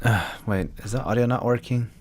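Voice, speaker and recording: A young man from Texas who does voice acting chats informally with live stream viewers, fielding their questions as they arrive. His medium-pitched voice moves fairly quickly.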